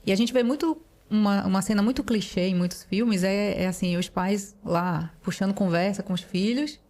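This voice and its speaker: A woman's voice: mid-range voice, normal speed, darkish tone. Hesitant woman podcast host. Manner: reflective, hesitant, many fillers. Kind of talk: podcast conversation.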